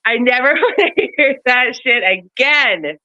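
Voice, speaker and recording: A woman's voice: a little high, lively intonation, measured pace, sharp tone. A woman in a casual political chat, blunt and profane, ranting about local politics. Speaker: political commentator. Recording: slightly dull lo-fi audio.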